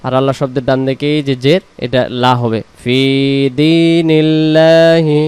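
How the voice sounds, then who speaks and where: A man teaching word-by-word Quran recitation, explaining pronunciation and slowly drawing out each word. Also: mid-range voice, little pitch movement, no room sound. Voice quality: very clear voice.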